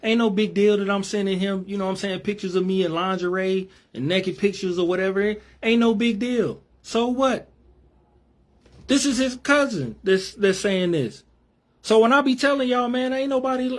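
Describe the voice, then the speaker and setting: High-voiced man, emphatic commentary. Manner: emphatic, repeats himself, casual slang. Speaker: religious commentator. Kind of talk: reading out messages with commentary.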